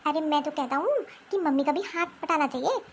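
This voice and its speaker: A woman voicing several figures in a Hindi animated family story. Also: sits high, brisk, slight background noise. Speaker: voice actor for several cartoon figures. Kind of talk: Hindi cartoon voice acting.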